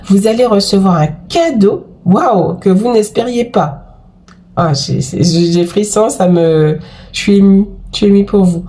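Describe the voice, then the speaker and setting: Speaking a little slowly in a dark, mid-range voice, this woman is doing a tarot reading for her viewers despite having a cold. She reads tarot and oracle cards, and her delivery is gushing and talkative, full of fillers and exclamations.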